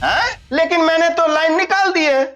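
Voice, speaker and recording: A middle-aged husband in a television crime drama, sly and controlling. He coaxes and taunts with very animated pitch. Music runs behind his voice. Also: brisk, muffled recording. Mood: taunting. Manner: coaxing, taunting. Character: menacing, mock-sweet husband and father, controlling and sly. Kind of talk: Hindi TV crime drama acting.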